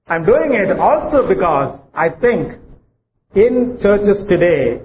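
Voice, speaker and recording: A man with a South Indian English accent preaching a sermon in church, speaking haltingly and repeating phrases for emphasis, on a muffled, noisy live recording. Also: a little high. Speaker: guest preacher. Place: church service.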